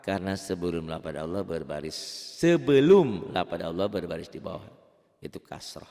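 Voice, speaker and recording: A man's voice: low-pitched, expressive, warm tone, long reverb tail. Chatty male Quran teacher. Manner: casual, chatty explanations with slow drawn-out chanted examples. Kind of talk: online tajwid lesson for beginners.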